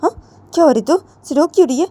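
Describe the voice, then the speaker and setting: A woman storyteller voicing an anxious young woman friend who fires off worried questions in a high, loud voice. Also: expressive, fast, no room sound. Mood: alarmed.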